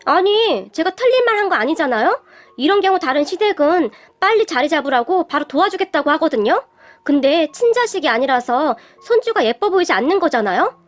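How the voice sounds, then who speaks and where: A woman voicing a furious young sister-in-law who yells shrilly in an audio story. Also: very animated, fairly quick, faint music behind. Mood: indignant. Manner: shrill yelling.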